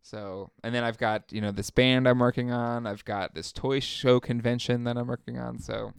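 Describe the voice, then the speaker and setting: A man's voice: mid-range voice, steady tone, moderate pace, vocal fry, clean tone, no room sound, clean studio sound. A man in his thirties co-hosting a casual podcast chat, rambling with lots of fillers. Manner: rambling, filler-heavy, laughs often. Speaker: podcast co-host.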